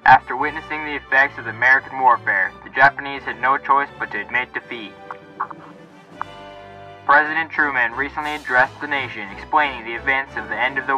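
A man narrating in the style of an old newsreel, with a declamatory, patriotic announcer delivery. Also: medium pitch. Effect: old newsreel sound. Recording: dull lo-fi sound with faint music.

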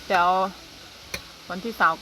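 A woman in her thirties from Thailand, chatting casually to her viewers in an unhurried way, often filling pauses with soft hums. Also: slight background noise. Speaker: vlogger. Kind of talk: casual chat to camera.

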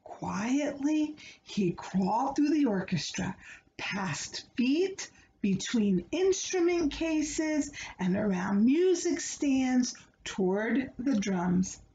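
Indoors in a small living room, a middle-aged woman reads from a children's storybook for young listeners, her delivery expressive and carefully deliberate. Her pitch is fairly high, and the roomy, dull home recording carries some background noise.

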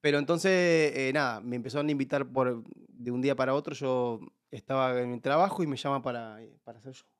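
A man in his forties speaks with a Buenos Aires Argentine accent. His voice sits at an ordinary middle pitch. As a podcast guest he tells his story in a loose, animated way, slipping into the voices of the people he quotes. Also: fast talker, hardly any pauses. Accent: Buenos Aires Argentine Spanish. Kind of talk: casual interview chat.

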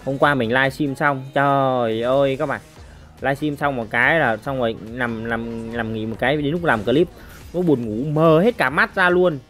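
A woman giving lively gameplay commentary as a mobile game streamer, chatting to viewers and making shooting sound effects. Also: very deep voice, normal speed, soft background music.

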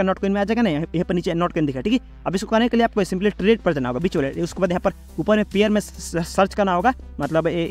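A man's voice: high-pitched, a little mellow. A man hosting a casual screen-recorded tutorial, explaining each step and saying "ठीक है" again and again. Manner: rapid, repeats "ठीक है" as a filler; addresses viewers as "भाई". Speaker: host of a money-tips channel.

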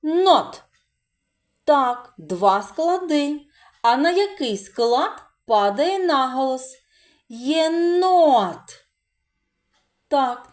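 A woman's voice: high-pitched, darkish tone. A woman teaching a literacy lesson to preschool children, speaking in a sing-song teacher's voice that draws out sounds and praises often. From Ukraine.

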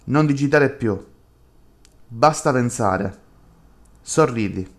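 A possessive, unseen presence in a chat horror game that coaxes and commands, as a man reads it slowly and unhurriedly. The voice stays level and close to ordinary talk. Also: mid-range voice, lively intonation. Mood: coaxing, commanding.

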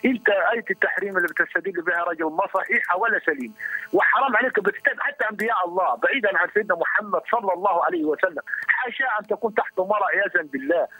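Rapid indignant Egyptian caller. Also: male voice, high voice, animated, sharp tone, slightly rough, poor audio. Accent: Egyptian Arabic. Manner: indignant, pleading, rapid-fire protests. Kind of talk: heated phone-in debate. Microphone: phone line.

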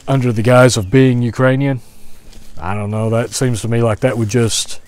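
A man's voice: mid-range voice, fairly even intonation, normal speed. Man musing aloud on a woodland walk. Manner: thinking out loud, hesitant with restarts. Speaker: vlogger. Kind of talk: walk-and-talk commentary. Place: outdoors in spring woods, walking. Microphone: phone held at arm's length.

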